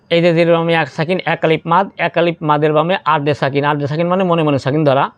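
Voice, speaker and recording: Man, Quran reading teacher, slow syllable drills, smooth voice, dry close sound. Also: on the high side, no echo. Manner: slow, step-by-step spelling drills, stretching recited words. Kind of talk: spelling out Arabic syllables and explaining recitation rules.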